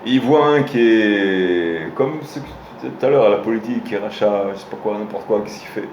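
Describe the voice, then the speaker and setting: A man's voice: fairly low pitch, a little fast, background noise. Man teaching a lesson in a roomy room. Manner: storytelling, with frequent restarts and hesitations; addresses listeners directly. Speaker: rabbi teaching a Torah class. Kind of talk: informal Torah lesson with stories. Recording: roomy room with faint ambience.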